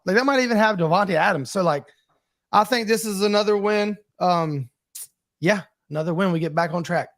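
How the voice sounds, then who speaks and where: A man with a notably high voice co-hosts a casual sports podcast. He delivers his picks in a steady, matter-of-fact way. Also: fairly quick. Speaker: podcast co-host.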